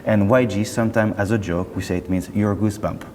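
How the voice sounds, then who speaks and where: A low-voiced man representing a company is interviewed in a casual chat at an indoor hi-fi show. He's chatty but halting, correcting himself in a steady tone, and the roomy, reverberant hall adds clear background noise.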